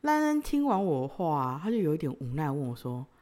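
A woman's voice: sits low, big pitch swings, fairly quick, darkish tone. A young woman, hosting a podcast and telling a personal story in a playful, teasing way with frequent giggles. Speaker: podcast host.

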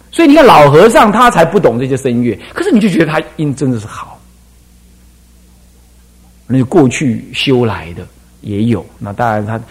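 A man's voice: medium pitch, breathy edge. An older man from Taiwan, an abbot giving a Buddhist dharma lecture to monastics, breaking into sung and chanted examples as he explains. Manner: demonstrates singing and chanting, animated and playful.

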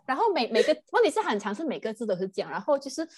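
A young Malaysian woman co-hosts a relaxed podcast chat, her voice rising and falling in animated swings. She laughs often and sits slightly high in pitch. The recording is dry and close. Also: racing, slightly rough, no echo. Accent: Hokkien-tinged Malaysian Mandarin. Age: young adult. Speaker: podcast co-host. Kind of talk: casual chat.

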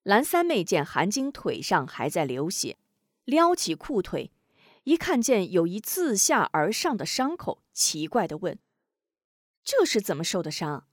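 A woman narrating a martial-arts story as an audiobook host, with an expressive storytelling cadence. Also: mid-range voice, measured pace, no room sound, clean studio sound.

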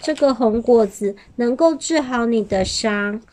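Storybook: woman reading a gentle little dinosaur child, high-pitched and pleading. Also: measured pace, slight background noise, lightly acted. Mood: tender. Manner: pleading, stammering.

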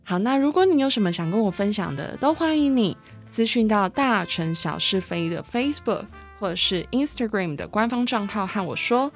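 A woman's voice: mid-range voice, expressive, normal speed, hardly any pauses, soft background music. A Taiwanese woman hosting a casual solo podcast in a reflective, explanatory way, speaking through a face mask, slightly muffled and a little breathless with audible breathing. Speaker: podcast host. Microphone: close microphone, voice through a face mask.

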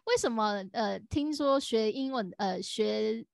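Woman, young adult, Taiwanese Mandarin accent, podcast co-host, animated storytelling, fairly high pitch. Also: slow pace, vocal fry, dry recording, studio quality. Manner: storytelling, animated, laughs often. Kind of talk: casual chat.

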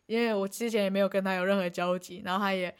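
A woman's voice: mid-range voice, steady tone, rapid-fire, clear, resonant tone. A young woman, co-hosting a casual podcast and telling a story in a rambling way, with frequent restarts and acted-out quotes. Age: young adult. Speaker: podcast co-host.

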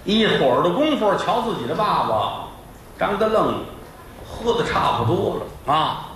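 A man's voice: high voice, sing-song, unhurried, a bit bright, slight background noise. A middle-aged man telling a comic traditional story with playful asides on a live stage, recorded from a distance in an echoey hall.

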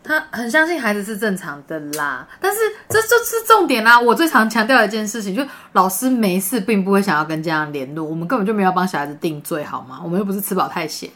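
Woman co-host, rapid talker, crisp bright tone, teasing banter. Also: medium pitch, big pitch swings. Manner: teasing, quick-witted banter. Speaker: podcast co-host and teacher. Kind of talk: casual chat.

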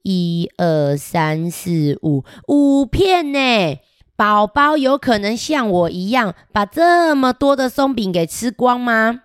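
A woman's voice: fairly high pitch, big pitch swings, slow pace, clear, resonant tone, dry recording, studio quality. A woman voicing a chatty little boy about to start kindergarten in a children's picture book read-aloud, playful and giggly as she talks straight to the children listening. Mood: cheerful, boastful. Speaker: storybook reader.

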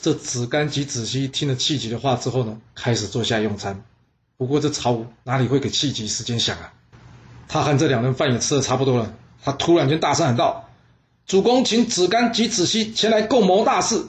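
A man narrating a history story in a lively, dramatic way. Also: mid-range voice, a little fast.

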